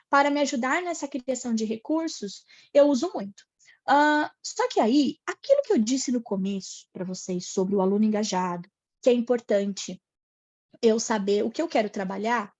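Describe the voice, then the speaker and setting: A high-voiced woman teacher with a Brazilian Portuguese accent talks her colleagues through a lesson in a chatty, lively way. Her voice has a slightly husky edge, and the online-call audio comes through dry and a little muffled. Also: dry recording. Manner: lively, chatty, often reads out her prompts. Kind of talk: online teacher training talk.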